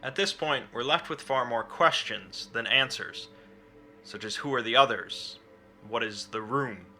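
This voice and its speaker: A man's voice: mid-range voice, measured pace, sharp tone. A man reading a scripted, dramatic explainer as a narrator. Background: background music.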